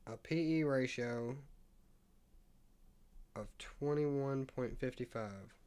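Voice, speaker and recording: A man's voice: medium pitch, extremely slow, darkish tone, clean tone. A man hosting a casual stock market live stream, thinking aloud as he reads prices and figures off the screen. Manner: reads text aloud with stumbles and asides. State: hiccuping.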